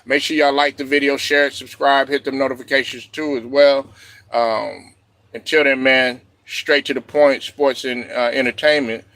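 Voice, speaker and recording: A man hosting a livestream, ranting loudly and profanely and laughing as he goes. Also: medium pitch, flat delivery, moderate pace, no room sound. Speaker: streamer host. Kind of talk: livestream rant.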